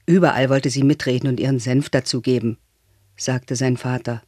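A man's voice: mid-range voice, fairly even intonation, normal speed, a little mellow, dry recording. Man reading a novel aloud, dry sound. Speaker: audiobook reader. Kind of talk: scripted narration of a novel.

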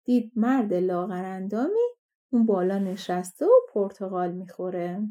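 A woman narrating a fairy tale audiobook with steady, expressive storytelling. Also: mid-range voice.

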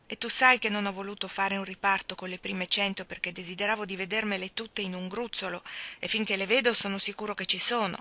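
A woman's voice: medium pitch, fairly even intonation, fast talker, bright, forceful tone, lightly acted. A woman reading the part of an aging father, speaking anxiously with a trembling voice in an audiobook. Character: worried aging father, a miller, guarding his savings.

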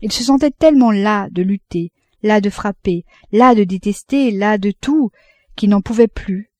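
A woman reading a classic novel aloud as audiobook narration, in a measured, unhurried manner. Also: medium pitch, dark tone, dry recording. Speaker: audiobook reader.

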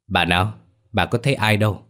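A man's voice: fairly low pitch, a little fast, fairly bright tone, clean tone, close to an everyday voice. A man voicing an anxious, stubborn elderly village grandmother in a spoken ghost story. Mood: teasing. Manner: fretful, insistent.

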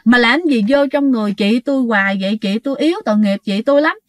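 A woman voicing a middle-aged aunt, scolding a ghost forcefully. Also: a little high, quick pace, no room sound, natural voice.

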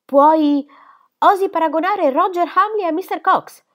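A woman reading aloud, voicing a sincere, gentle young woman who speaks earnestly and a little hesitantly. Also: mid-range voice, animated, normal speed.

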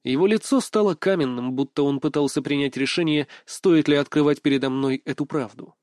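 A male narrator reading a first-person story in a steady, expressive manner. His voice sits a little high for a man. The recording is dry and close, with no room echo. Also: brisk. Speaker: audiobook narrator.

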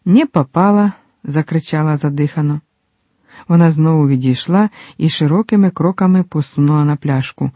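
A man narrating a story in a steady, measured scripted reading. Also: on the high side, dry recording. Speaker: audiobook narrator. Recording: dull dry audiobook recording.

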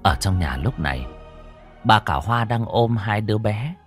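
A man's voice: lowish voice, expressive, measured pace, soft background music. A man narrating a ghost story with a dramatic, varied delivery.

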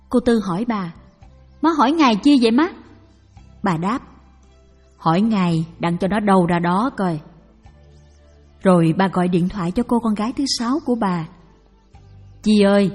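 A woman narrates a devotional story in a calm, measured way. Her voice is mellow and slightly breathy. It rings with a long reverb over faint music. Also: mid-range voice. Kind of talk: scripted narration of a Buddhist testimony.

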